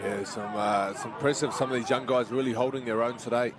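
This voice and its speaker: A man's voice: mid-range voice, fairly even intonation, a little fast, heavy background noise. A man giving live match analysis as a co-commentator. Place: outdoor sports ground. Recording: crowd behind, outdoors. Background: crowd.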